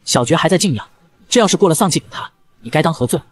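A man voicing a stern, quick-tempered old sect elder who scolds gruffly, in a fast manga recap narration. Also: a little high, expressive, noisy background, lightly acted.

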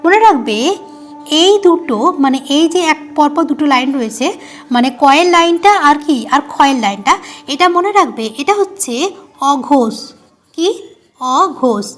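High-voiced woman teacher, patient. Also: lively intonation, normal speed, soft background music. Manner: patient, explains by repeating and quizzing the listener. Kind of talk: online grammar lesson.

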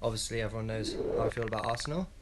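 A low-ish male voice fires off words rapidly in a very noisy recording. He's a football pundit vlogger in his twenties, giving blunt, rambling opinions in a casual solo video from a small room at home, using a wired earphone mic.

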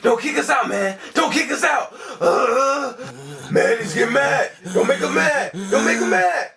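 A bossy, excitable cartoon bird, played by a man, barks orders at his flock in a high voice. He is loud and rowdy throughout this puppet comedy. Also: measured pace, creaky, heavily acted. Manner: loud, rowdy, leads the group.

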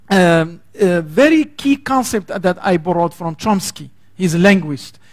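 In a lecture hall, a high-voiced man delivers an academic talk as a guest lecturer. His manner is impassioned, and he keeps groping for words and starting over.

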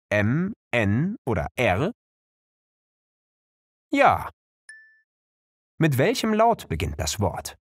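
A man narrates a children's spelling lesson in a slow, carefully paced delivery. His pitch swings widely as he explains each rule. The recording is dry and close, with no room sound. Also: slightly rough, no echo. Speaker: narrator of an educational video.

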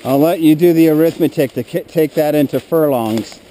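A man with a somewhat high, mellow voice chats on a forest hike, cracking dry jokes and pointing out rocks. It is recorded on a camera strapped to his head, with faint outdoor noise behind him. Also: moderate pace. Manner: dry, joking, explains rocks and maps. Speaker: hiker filming with a head-mounted camera. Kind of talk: casual chat while hiking. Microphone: head-mounted action camera. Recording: noisy outdoor action-camera audio.

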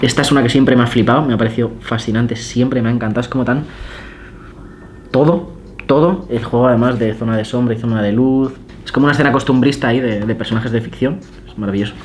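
A young man talks casually and excitedly, gushing and swearing in awe as he pages through an illustration book. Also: medium pitch, fast talker, a little hiss or hum. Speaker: illustrator and YouTuber. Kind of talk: casual vlog, flipping through an art book.

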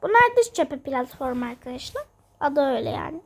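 A young female gamer, sick and coughing, chatting quietly from her bedroom while she plays, rambling with lots of fillers. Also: sits high, very animated, fairly quick, gravelly. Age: school-age. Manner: rambling, many fillers, self-amused. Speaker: gaming vlogger. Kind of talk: casual let's-play chat. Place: bedroom at home.

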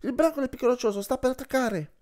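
A man voicing an anxious young wolf in an audiobook, calling out an urgent warning in a much higher, louder voice. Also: fast talker. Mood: alarmed. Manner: urgent, alarmed.

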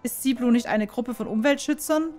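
A woman's voice: fairly high pitch, fairly quick, darkish tone, lightly acted. Weary male diver, as a woman reads him out. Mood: matter-of-fact.

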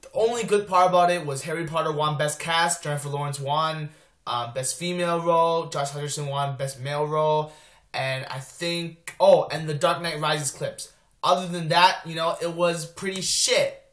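Young guy vlogging a trailer review, kinda high voice, lots of ums, echoey room. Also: steady tone, normal speed, fairly bright tone. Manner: rambling, lots of ums and restarts. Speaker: movie vlogger.

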